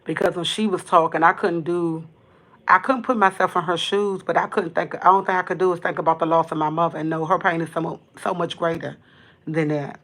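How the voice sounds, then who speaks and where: A woman's voice: fairly low pitch, steady tone, a bit bright. Tearful woman in a heartfelt livestream. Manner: halting, repeats herself, earnest and heartfelt. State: tearful, fighting back crying. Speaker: livestream host. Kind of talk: emotional livestream monologue. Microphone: camera.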